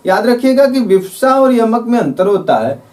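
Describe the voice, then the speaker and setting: A man teaching a Hindi grammar lesson, explaining patiently, repeating himself with filler phrases and reading quoted verse lines slowly. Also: very high voice, sing-song, darkish tone, distant mic. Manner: repetitive, careful, with frequent filler phrases.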